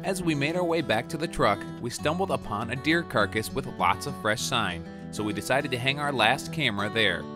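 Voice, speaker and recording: A man narrating a scripted voice-over for an outdoor show in an even, measured way. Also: mid-range voice. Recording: narration over guitar music.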